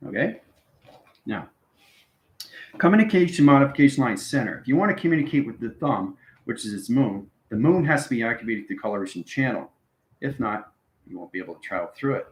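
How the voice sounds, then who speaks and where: In a mid-range voice, a man teaches an informal spiritual lesson online, demonstrating and explaining to viewers in broken, jargon-laden phrases. He keeps checking in with short tag words like "okay" and "right," and the sound is roomy with an echo.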